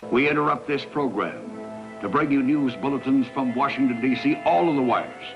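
Rich: a solemn news announcer reading urgent bulletins, heard through muffled old newsreel-style film audio. Music plays clearly beneath his steady, mid-pitched voice. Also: normal speed. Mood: grave urgent.

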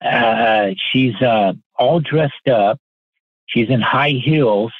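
Podcast guest, 60s male, husky and earnest, telling stories over a thin, dry phone-like line. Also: medium pitch, drawn-out words, no echo. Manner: earnest, polite, repeats words as he restarts sentences. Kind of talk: casual anecdotal storytelling.

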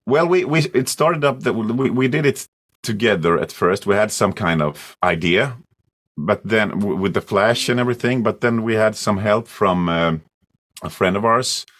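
Deep-voiced man, halting. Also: animated, a bit bright. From Sweden. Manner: halting, repeats words, laughs easily. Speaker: band vocalist. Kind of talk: casual interview.

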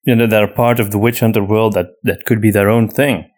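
This man hosts a podcast and creates audio dramas, chatting casually and unscripted. His fairly low, steady, slightly mellow voice moves fast, and he thinks aloud hesitantly as he answers, saying "you know" a lot.

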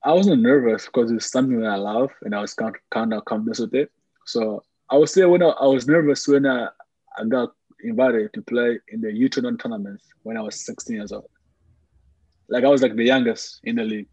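A man's voice: mid-range voice, a little fast, darkish tone, slightly rough, dry recording, dull audio. A man in his twenties from Congo with a Congolese accent, answering interview questions casually and often repeating himself as he goes. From Congo (DRC), later Malawi. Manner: conversational, repetitive, peppered with "like" and "you know". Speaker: soccer player being interviewed.

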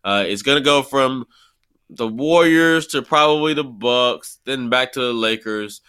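A man's voice: medium pitch, a little slow, pushed and bright, clean tone. A man co-hosting a sports talk show, lecturing and dismissive as he argues his point. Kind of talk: heated sports debate.

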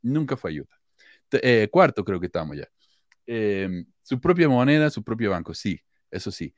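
A man's voice: lowish voice, sing-song, normal speed, dry recording, clean studio sound. A man with an Argentine Córdoba accent hosting a podcast, explaining a topic in a chatty, blunt way with the odd swear word. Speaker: podcast host. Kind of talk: casual explanatory podcast talk.

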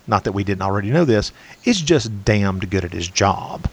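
A man co-hosting a casual film podcast, talking in a measured, analytical way. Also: on the low side, expressive, slightly rough. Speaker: podcast co-host.

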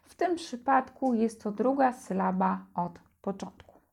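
Slow-speaking woman teaching Italian. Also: fairly high pitch, a little mellow. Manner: slow, clear, repeats words for learners. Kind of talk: slow language lesson.

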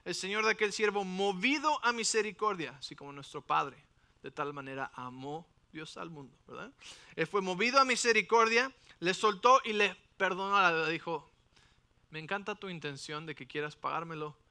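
A man preaching a sermon in an animated way, with frequent rhetorical questions to the congregation. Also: sits high, normal speed, clear, resonant tone. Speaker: pastor.

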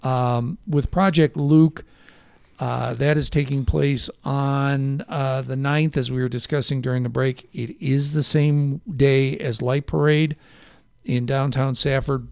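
A man's voice: mid-range voice, vocal fry, a little mellow, no room sound, studio quality. A man hosting a local radio interview show, talking in a rambling way and often correcting himself. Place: radio studio. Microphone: studio microphone.

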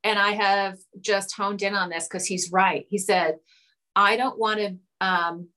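A woman's voice: medium pitch, fairly even intonation, sharp tone. Chatty New woman guest. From New Jersey. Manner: chatty, quick to agree, self-correcting. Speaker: podcast guest, hair educator. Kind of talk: casual podcast chat.

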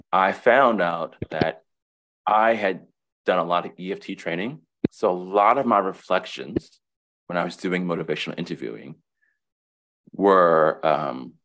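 A man with a deep voice talks through his counseling practice in a relaxed webinar chat. He pauses, repeats himself and restarts phrases as he works out what he means. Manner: reflective, many restarts and repetitions. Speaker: counselor and guest. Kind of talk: casual webinar conversation.

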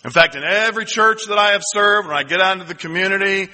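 A male senior pastor delivers his sermon in a bright, ringing tone that sits a little high. His preaching is conversational and humorous, full of asides to the congregation. A long hall reverb trails behind every phrase. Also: quick pace. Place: church sanctuary.

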